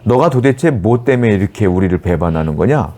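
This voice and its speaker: A man's voice: fairly low pitch, expressive, brisk, warm tone. A pastor acting out an arrogant enemy commander who mocks and taunts his foes. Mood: sneering. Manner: sneering, mocking.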